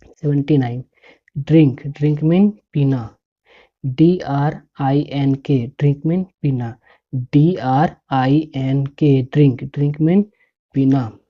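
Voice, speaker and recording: A woman with a low voice runs a patient vocabulary drill. She spells each word letter by letter and says its meaning again and again at an unhurried pace. The recording sounds dull and lo-fi. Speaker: English teacher.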